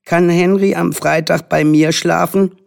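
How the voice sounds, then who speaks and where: Storybook: man putting on a high, whiny little boy, seven, quarrelsome and indignant. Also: fairly even intonation, a little slow, vocal fry, clean tone. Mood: eager. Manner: indignant, complaining.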